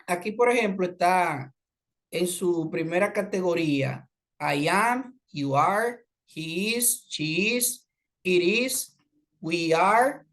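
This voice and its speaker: Slow-woman teacher, low voice. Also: lively intonation. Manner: explains slowly in Spanish, mixes in English examples. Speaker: English teacher. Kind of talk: online class lesson.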